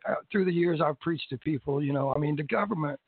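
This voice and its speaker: A man guesting in a casual interview chats about hemp, rambling with many restarts and little laughs. His voice is fairly high and quick, with vocal fry and a breathy edge, and the recording sounds dry and tinny like a phone.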